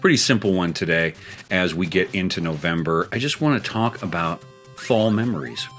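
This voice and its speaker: A man's voice: animated, moderate pace, fairly bright tone, slight background noise. A man from South Texas hosting a gameplay channel, chatting playfully while he plays a game and tells a story. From South Texas, United States. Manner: chatty and playful, jumping into high exclaims. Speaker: host.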